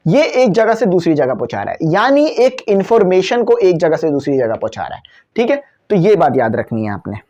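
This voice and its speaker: A man's voice: high voice, big pitch swings, fairly quick, dark tone, lo-fi sound. A man with a Pakistani Urdu accent teaching a physics class, explaining with everyday examples and slipping into English for terms, on a cabled microphone. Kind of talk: classroom lecture video.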